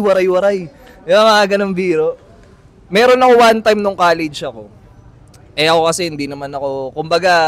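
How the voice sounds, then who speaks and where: A man with a fairly high voice tells a personal story on a podcast, lively and animated, full of fillers and quick restarts. He sounds like a host chatting casually with friends outdoors on a street.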